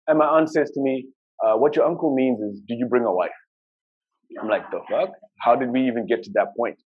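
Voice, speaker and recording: Speaking at a conference, this Shona-speaking man from Zimbabwe talks informally, with fillers and restarts scattered through. His fairly low voice has a breathy edge, heard through thin, tinny sound.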